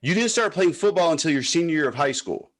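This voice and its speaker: Male podcast host, animated, eager interviewer interjecting on a walk. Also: a little high. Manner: eager questions, quick interjections. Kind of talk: conversational interview. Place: walking outdoors.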